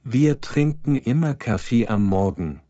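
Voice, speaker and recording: A man slowly reading example sentences aloud for language learners, each one twice. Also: medium pitch, lively intonation, mellow, no echo, dull audio. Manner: reads each full sentence twice, clearly and evenly.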